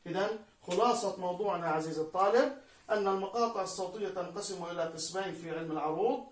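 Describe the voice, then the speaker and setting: A man's voice: sits high, quick pace. A male teacher, patiently giving a video lesson and spelling out syllables one by one for the student. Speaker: Arabic teacher. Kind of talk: video lesson on Arabic prosody. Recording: echoey room, mic far away.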